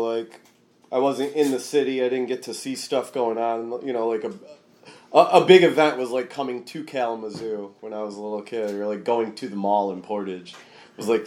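An American man chatting casually as a podcast guest in a laid-back stoner manner, high and a little tired. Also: a little mellow. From Michigan, United States. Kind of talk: casual chat.

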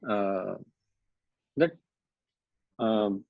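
A man with a North Indian accent talks conversationally about his own life in a halting, hesitant way. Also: fairly low pitch, lively intonation, creaky. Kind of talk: conversational coaching discussion. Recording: dull, roomy, lo-fi recording.

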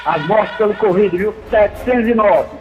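A man's voice: sits high, normal speed, muffled recording. A man calling in to a radio show, answering questions in a chatty, matter-of-fact way. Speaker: radio caller.

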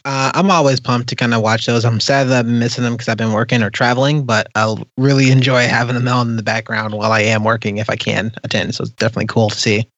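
A man's voice: medium pitch, flat delivery, fast, few pauses, a bit bright, dry recording, dull audio. A man hosting a podcast in casual, chatty style. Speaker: podcast host.

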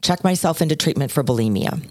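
Older woman podcast cohost, low deep voice, dry close sound, tells stories expressively. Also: fast, no echo. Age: 60s. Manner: expressive storyteller, swings between low and high pitch. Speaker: podcast co-host. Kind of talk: casual chat.

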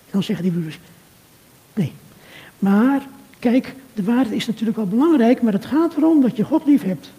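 An older man giving an earnest, measured sermon talk, speaking directly to a churchgoer. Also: very high voice, animated, mellow. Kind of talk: reflective sermon talk addressed to a listener. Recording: long reverb of a hall.

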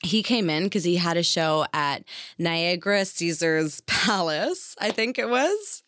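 A young adult woman, a podcast guest, telling a story in a casual, animated way, full of fillers and casual swearing. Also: fairly low pitch, a little slow, dry recording, clean studio sound.

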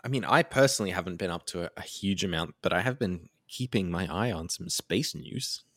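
A man chatting casually on a podcast, explaining things with lots of fillers like "like" and "um," often laughing and picking up energy when excited. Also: low-pitched, fairly quick, no room sound, clean studio sound. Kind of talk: casual chat.

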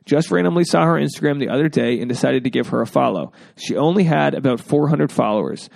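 A man's voice: medium pitch, fast talker, creaky, darkish tone. A man hosting an advice podcast in a casual, rambling way, with jokey asides. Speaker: podcast host. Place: indoors at home.

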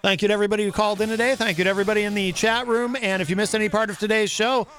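Male radio host, high voice, quick pace, live talk show chat. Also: fairly even intonation, fairly bright tone.

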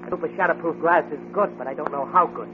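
Brief: an actor as a commanding, taunting masked crime-fighter, 1940s radio, tinny and hissy. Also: male voice, on the high side, fast talker, natural voice. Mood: determined. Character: bold masked male crime-fighting hero. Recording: scratchy old radio recording.

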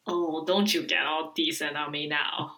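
A woman playing a gruff, sardonic male archer hero weighed down by guilt in an amateur script read-through. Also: low-pitched, fairly even intonation, a little slow, bright, forceful tone. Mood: gruff, guilty.

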